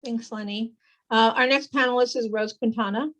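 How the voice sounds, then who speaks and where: A woman moderating a community panel discussion, speaking in a measured way with frequent pauses. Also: fairly high pitch, steady tone, a bit bright.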